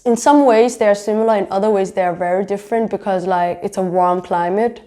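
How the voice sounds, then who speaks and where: Warm and brisk, with a medium pitch, this young Danish woman talks about herself thoughtfully and casually. She is being interviewed as a fashion designer and entrepreneur.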